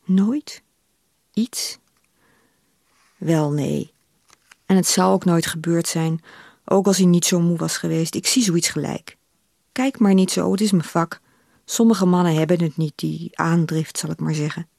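A woman reading aloud, voicing an older, worldly woman who speaks in a calm, matter-of-fact way, recorded on a close studio microphone. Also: lowish voice, measured pace, creaky, pauses often, no room sound. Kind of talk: literary reading.

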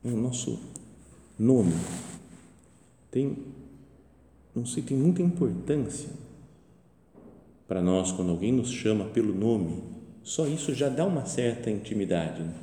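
Priest preaching in an echoey church. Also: male voice, on the low side, a little hiss or hum. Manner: conversational, animated storytelling with acted quotes. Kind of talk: homily. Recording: echoey church with long reverb.

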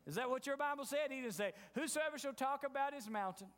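High-voiced preacher, folksy. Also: male voice, fast talker, a bit bright, long reverb tail. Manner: folksy storytelling, acts out doubters' voices. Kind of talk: sermon.

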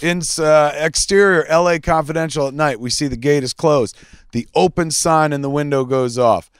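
A man's voice: a little high, moderate pace, smooth, no room sound, studio quality. A man reading a comedy script aloud, narrating action lines in a jokey, rambling way. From New Jersey. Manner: jokey, rambling, stumbles over words.

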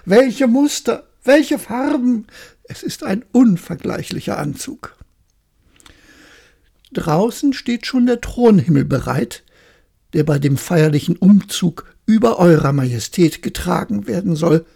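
A woman voicing flattering male courtiers and a master of ceremonies, gushing and obsequious in a bedtime storybook reading. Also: fairly low pitch, a little slow, creaky, husky, heavily acted.

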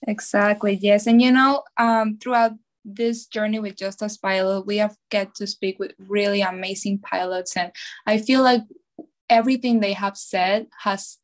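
A woman's voice: medium pitch, normal speed. Chatty young woman from Venezuela. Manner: chatty, lively, lots of "like" and "you know". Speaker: podcast co-host, guest. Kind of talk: casual interview.

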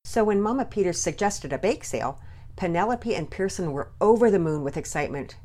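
A woman narrating a children's storybook in an expressive, gently animated reading. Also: lowish voice, brisk.

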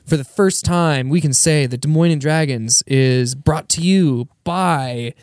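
A man's voice: fairly high pitch, a little slow, a little mellow, clean tone. Laid-back man hosting a podcast. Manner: joking, laid-back, uses filler words. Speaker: podcast host. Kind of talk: casual chat.

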